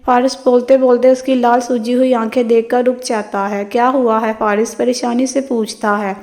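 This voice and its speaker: A woman's voice: fairly high pitch, flat delivery, darkish tone. A woman narrating a romance novel, reading the narration and all the characters' lines in one plain voice.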